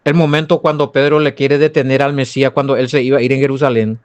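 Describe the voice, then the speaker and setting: A man from Paraguay with a Paraguayan Spanish accent, a pastor giving a Bible commentary and answering listener comments with animated rhetorical questions aimed straight at his listeners. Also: mid-range voice, fast talker, clean tone.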